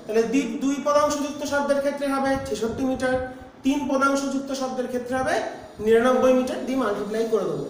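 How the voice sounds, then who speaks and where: A man's voice: very high voice, fairly even intonation, quick pace. A man teaching a physics lesson, explaining step by step and asking questions he then answers himself. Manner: stepwise explaining, asks and answers own questions. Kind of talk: classroom lecture. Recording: very echoey room, faint noise.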